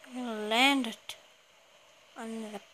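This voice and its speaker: A woman giving rambling, excitable commentary to herself while playing a flight game. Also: fairly high pitch, slow, slight background noise. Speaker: gameplay video creator. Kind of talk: casual gameplay commentary.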